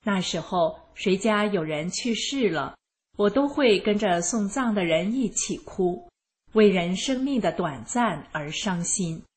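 A woman narrating her own life story in the first person, in a calm and even manner. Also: mid-range voice, measured pace. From rural China.

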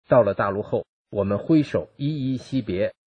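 A man reading a first-person account aloud in a steady, even narrating manner. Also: fairly low pitch, normal speed, husky, no echo, highs cut off. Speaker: reader of a personal testimony.

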